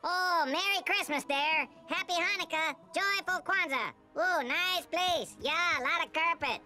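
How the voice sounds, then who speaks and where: An actor voicing a scrappy, chirpy cartoon woodpecker with a folksy way of talking. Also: male voice, very high-pitched, a little slow, bright, forceful tone, exaggerated voice. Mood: folksy, cheerful. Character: wacky male cartoon woodpecker, cheerful, scrappy fast-talker. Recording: music behind the voice.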